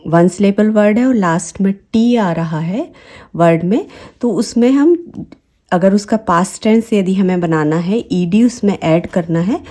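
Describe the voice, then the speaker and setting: A woman with a Hindi accent, teaching English phonics. She says each example word slowly and repeats it several times. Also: mid-range voice, lively intonation, dark tone. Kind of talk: slow, deliberate teaching with repeated example words.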